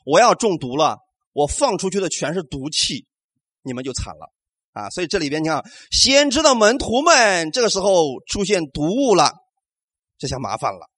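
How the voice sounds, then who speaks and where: A male pastor preaches with a high, lively voice that swoops up and down as he asks his congregation question after question. He punctuates his points with amens. The sound is dry and close, with no room echo. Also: normal speed. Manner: animated preaching with rhetorical questions and call-and-response amens. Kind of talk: sermon.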